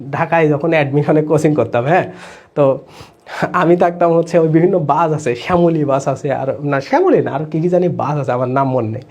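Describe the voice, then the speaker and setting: Young male tutor with a slightly high voice; lectures online and keeps quizzing the class. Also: a little mellow. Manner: explains step by step, asks the class questions. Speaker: English teacher for admission exams.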